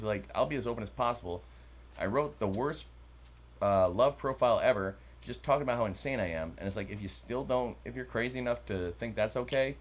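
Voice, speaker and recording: A man's voice: mid-range voice, a little hiss or hum. A man co-hosting a podcast in casual, joking chat with a mid-Atlantic American accent, rambling and playful. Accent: mid-Atlantic American with Midwestern bits. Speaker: podcast co-host.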